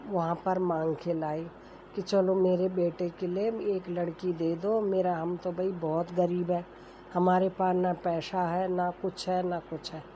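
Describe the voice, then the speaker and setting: Storyteller: woman, low warm voice, homely folk-tale telling, faint hiss behind. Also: poor audio. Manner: plain homely telling, voices characters lightly without changing voice. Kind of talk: casual oral storytelling. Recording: faint background noise.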